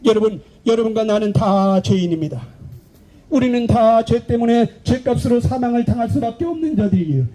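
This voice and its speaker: A preaching man with a strikingly high voice delivers an outdoor evangelistic sermon. He presses his points emphatically and keeps asking rhetorical questions. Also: animated, fairly quick, mellow. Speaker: pastor, street evangelist. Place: outdoor public park.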